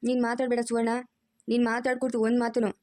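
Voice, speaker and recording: A woman performs a stern, hurt mother who lectures her family firmly. The voice sits high but moves in a narrow, level band. The sound is dry and close. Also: monotone, fast, a little mellow, no echo, natural voice. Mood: stern scolding. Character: aging mother, stern and wounded. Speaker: mother-in-law. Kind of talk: amateur family drama acting.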